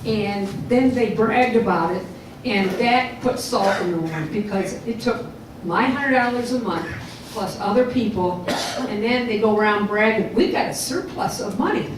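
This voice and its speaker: A woman's voice: medium pitch, normal speed, background noise. Indignant older woman in an echoey hall. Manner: indignant, pointed. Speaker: audience member asking questions. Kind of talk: questioning candidates at a public forum. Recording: echoey hall, heard from far off.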